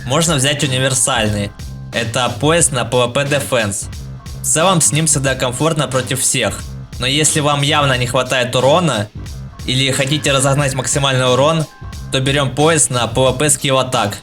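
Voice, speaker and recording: Over background music, a man who makes video game guides narrates a casual tutorial, explaining things in an informal, slangy way. His voice is mid-range at normal speed, and he has a speech impediment affecting the L sound.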